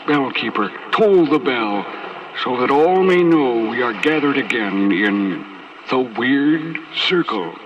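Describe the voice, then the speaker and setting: A man announcing an old radio horror drama in a loud, booming, dramatic style. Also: expressive, slow, dull audio. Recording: noisy old radio broadcast, distant.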